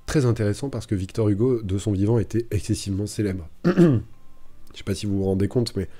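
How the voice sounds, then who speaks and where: Deep, dark-voiced man explaining a poem. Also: a little fast, faint music behind. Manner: thinks aloud with many fillers and restarts. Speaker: French literature teacher streaming revision. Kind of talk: live-streamed lesson, casual explanation. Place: home streaming setup. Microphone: streaming microphone.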